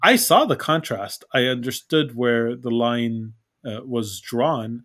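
A man's voice: medium pitch, slow pace, fairly bright tone. A man who grew up in Canada, hosting a podcast and chatting in a friendly, easygoing way, laughing easily and asking open questions. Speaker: podcast host. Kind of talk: casual interview chat.

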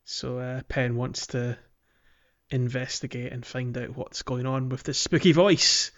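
Speaking at a medium pitch with a steady tone and measured pace, a man hosts a podcast and loosely recaps a video game. He's hesitant and keeps giggling as he explains. Background music sits under audio that sounds a little dull.

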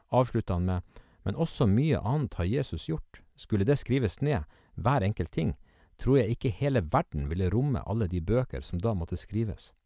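Man, preacher, earnest emphatic sermon, lively low voice. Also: gravelly, no echo, studio quality. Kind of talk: sermon with scripture reading.

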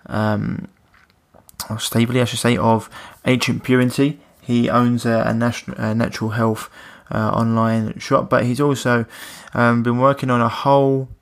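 A man's voice: mid-range voice, flat delivery, a little slow, vocal fry. A man with an Essex accent hosting a podcast in a casual, matey way, often stumbling over his words. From Essex, England. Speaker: podcast host. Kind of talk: casual podcast intro and interview chat.

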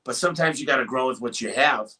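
A man's voice: medium pitch, fast talker, pushed and bright, distant mic, slight background noise. A man, a business owner guest on a podcast, talking in an emphatic, motivational way and telling stories. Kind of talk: podcast interview.

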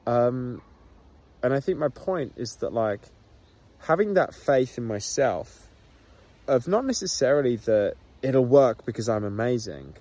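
A man's voice: mid-range voice, sing-song, a little slow, warm tone. A man hosting a solo podcast outdoors, talking openly and emotionally with plenty of "like" fillers. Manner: open and emotional, many "like" fillers. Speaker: podcast host. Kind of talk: candid solo podcast monologue. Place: outdoors on a walk.

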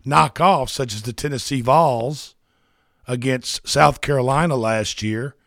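Gravelly rambling radio host. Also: male voice, medium pitch, unhurried, fairly bright tone, no echo, studio quality. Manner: chatty, rambling, repeats himself. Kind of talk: casual sports talk.

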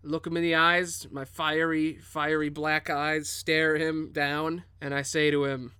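A man chatting through a tabletop role-playing session. His voice is bright and sits a little high. He jokes constantly and slips into playful character voices. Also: little pitch movement, measured pace, clear, resonant tone. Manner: joking, playful, puts on voices. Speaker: player.

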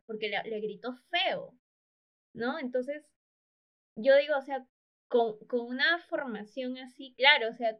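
A woman's voice: a little high, highs cut off. A woman hosting a podcast, chatting casually and answering with short murmurs of agreement. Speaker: podcast host.

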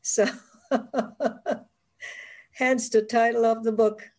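A woman's voice: on the high side, level tone, drawn-out words. A woman from the Caribbean with a West Indian accent, the guest author on a video call, telling stories from her childhood with frequent laughs. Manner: warm storytelling, laughs often. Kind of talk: casual interview conversation.

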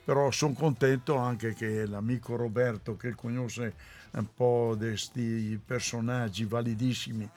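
A man's voice: medium pitch, steady tone, unhurried, darkish tone. A man with a northern Italian Trentino accent, hosting an informal radio interview in local dialect.

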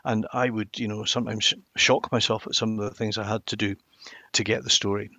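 A mature man with a Highland Scottish accent, telling stories reflectively and emphatically in a conversational interview. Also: little pitch movement, a little fast, pushed and bright, dry recording. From Inverness, Highlands of Scotland. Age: middle-aged or older. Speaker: interview guest, former television journalist.

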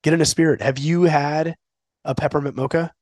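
A man's voice: on the high side, steady tone, brisk, darkish tone, dry recording, studio quality. A man co-hosting a casual podcast chat, teasing his partner in a playful way and now and then bursting into exaggerated enthusiasm. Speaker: podcast co-host.

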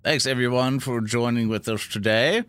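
A man's voice: medium pitch, moderate pace, fairly bright tone, smooth, no room sound. A man in casual game chat, speaking as a player and host of the show.

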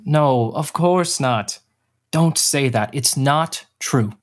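A gentle uncle, voiced by a man in an audio drama. He talks slowly, in a middle-range voice with an even, measured delivery. His manner is calm and reassuring. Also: medium pitch, lightly acted. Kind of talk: student radio drama acting.

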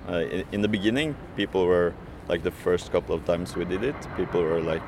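A food courier answers interview questions hesitantly, with lots of fillers and restarts. He has a low-pitched voice and talks fairly quickly against a noisy background.

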